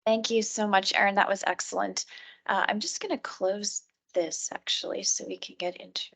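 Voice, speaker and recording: A woman's voice: mid-range voice, fairly even intonation, moderate pace, creaky, fairly bright tone. A woman moderating the session who briefly thanks the speaker and apologizes while closing something.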